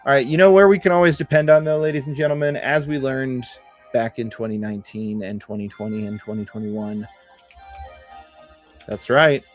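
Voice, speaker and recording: A man's voice: medium pitch, fairly even intonation, fairly quick. A man with a cold hosting a casual livestream, talking in a profane, sardonic, chatty way. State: has a cold. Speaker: livestream host. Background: faint background music.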